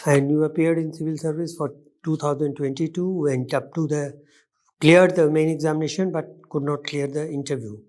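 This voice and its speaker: Halting Indian male interviewer, slightly high-pitched. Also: fairly even intonation, darkish tone. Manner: halting, repeats and reformulates questions. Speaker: interview panelist. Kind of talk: formal interview questioning.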